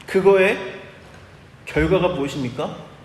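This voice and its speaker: A pastor delivering an expository sermon, lively and acting out the quoted dialogue himself, recorded live in a church. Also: male voice, a little high, a little slow, roomy sound, in a large hall, a little hiss or hum. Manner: animated, acts out quoted dialogue.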